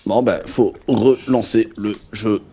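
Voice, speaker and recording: Man playing a monotone robot, low and deliberately slow, over loud typing noise. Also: lo-fi sound. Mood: deadpan. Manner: slow, flat, robotic delivery. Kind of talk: casual gaming voice chat. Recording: keyboard clicks and typing behind. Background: keyboard typing.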